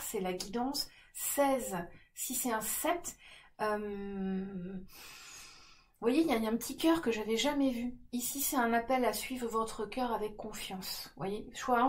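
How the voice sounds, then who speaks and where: A woman giving a casual card-reading guidance, gentle and reassuring, with many fillers and restarts. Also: fairly high pitch. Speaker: tarot card reader.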